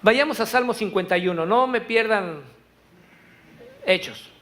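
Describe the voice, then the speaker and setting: A man preaching a sermon in a church, telling a story and reading scripture aloud, swelling loud on the verses. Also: sits high, a little slow. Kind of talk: Spanish-language church sermon.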